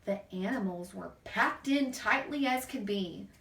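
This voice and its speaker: With a fairly bright tone, vocal fry, and a medium pitch, a woman reads a children's picture book aloud a little slowly but expressively. As a storybook reader and teacher, she chats and asks questions of a young listener along the way. Background noise and a roomy, distant-mic sound mark the recording.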